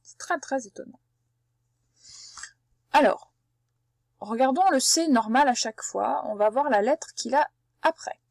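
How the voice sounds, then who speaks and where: A woman leads a reading lesson for young children, speaking slowly and sounding out words one syllable at a time. She talks straight to the child in a patient way. Her voice sits a little high, and the recording is dry and close. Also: vocal fry, a little mellow, no echo. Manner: addresses the child directly as tu. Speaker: primary school teacher.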